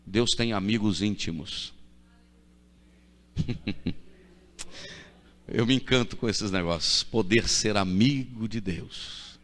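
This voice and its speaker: A middle-aged man with a deep voice, preaching a sermon as pastor, moving from quiet storytelling to loud repeated proclamations. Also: slow pace, long pauses. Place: church. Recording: church hall reverb.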